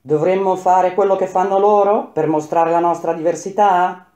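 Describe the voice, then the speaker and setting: A woman's voice: on the low side, fairly even intonation, moderate pace, warm tone, pitched above the performer's own voice, close to an everyday voice. A woman voicing a wise older woman who speaks in a probing, questioning manner. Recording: roomy echo.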